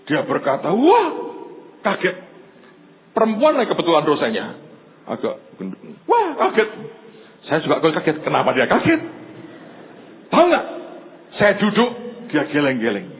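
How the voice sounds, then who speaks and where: A male pastor, preaching in an animated storytelling way, acting out the people in his stories and often turning to the congregation. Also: high voice. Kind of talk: sermon storytelling. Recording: tinny phone-like sound with faint noise.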